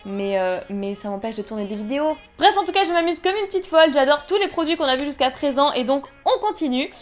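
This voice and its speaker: A woman's voice: high-pitched, expressive, quick pace, soft background music. A young woman chatting casually through an unboxing, rambling and giggly, poking fun at herself. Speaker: unboxing vlogger.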